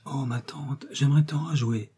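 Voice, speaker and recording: Man reading as modest young girl, gentle, slightly husky, audiobook. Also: medium pitch, normal speed, close to an everyday voice. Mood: polite.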